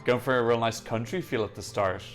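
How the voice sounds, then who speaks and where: A man's voice: mid-range voice, fairly quick. A young man hosting a music reaction channel, chatting enthusiastically and gushing in casual analysis. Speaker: Eurovision reaction channel host.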